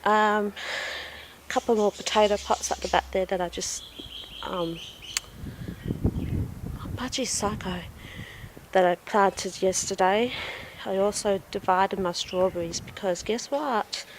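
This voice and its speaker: A woman's voice: mid-range voice, a little slow, long pauses. A woman strolls through her backyard garden and talks unhurriedly about her plants in a chatty, self-deprecating way. She sounds a little out of breath. It is picked up on a phone outdoors, with a faint hum of the outdoors behind her. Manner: chatty, self-deprecating, with frequent ums and laughs. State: slightly out of breath. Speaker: home gardener vlogger. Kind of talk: casual garden walkthrough.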